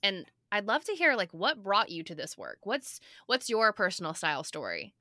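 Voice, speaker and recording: A woman's voice: medium pitch, sing-song, moderate pace, bright, forceful tone, no room sound, clean studio sound. A woman hosting a podcast, talking in a candid, chatty way as she interviews a guest. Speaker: podcast host. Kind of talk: casual interview chat.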